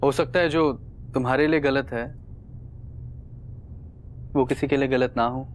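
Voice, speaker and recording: An actor playing a husband who talks calmly and guardedly in a TV drama. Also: male voice, mid-range voice, a little slow, a little hiss or hum, close to an everyday voice. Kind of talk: television drama acting.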